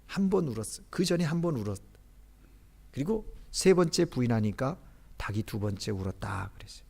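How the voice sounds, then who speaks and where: A middle-aged man preaching a Sunday sermon in a church, asking the congregation rhetorical questions and swinging from loud emphasis to hushed whispers. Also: fairly high pitch, creaky. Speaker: pastor. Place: church sanctuary during Sunday service.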